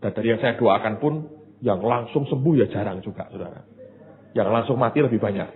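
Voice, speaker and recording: A middle-aged man preaching a sermon as pastor, telling stories conversationally and rising excitedly at times. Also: fairly low pitch, a little fast, slight background noise. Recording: tinny phone-like sound with long hall reverb.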